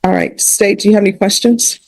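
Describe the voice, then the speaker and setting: A woman judge speaking firmly and deliberately at a courtroom sentencing. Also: mid-range voice, fairly even intonation, darkish tone, no echo, rough recording. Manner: firm, measured, questioning.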